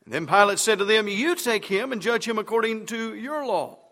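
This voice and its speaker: A man preaching a sermon, emphatic and rising to loud shouts on key words. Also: high voice, normal speed. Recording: long hall reverb.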